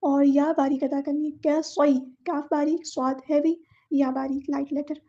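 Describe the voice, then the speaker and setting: A woman teaching a word-by-word tajweed lesson, explaining each letter patiently and then reciting the words slowly. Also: high-pitched, level tone, dark tone, highs cut off.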